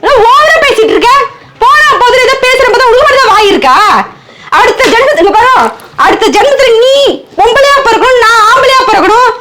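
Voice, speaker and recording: A woman's voice: very high voice, fairly quick, over loud music. A woman arguing back at her husband in a domestic prank skit, indignant and close to tears. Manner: tearful, indignant, snapping back. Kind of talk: bickering couple prank. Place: home kitchen.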